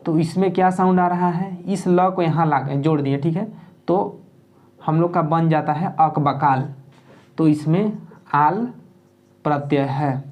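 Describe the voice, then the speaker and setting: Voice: mid-range voice, unhurried, pauses often, darkish tone. A teacher giving an exam-prep grammar lesson, who repeats and spells out word parts and keeps checking in with "okay?" while explaining plainly.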